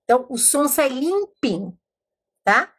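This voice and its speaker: A woman from Brazil, middle-aged, with a somewhat high voice, teaches in a relaxed, chatty way. She lingers on letter sounds one by one and slips into stories about her pupils. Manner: explanatory, sounds out letters slowly, tells anecdotes. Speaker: educator teaching literacy methods. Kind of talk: informal teaching talk.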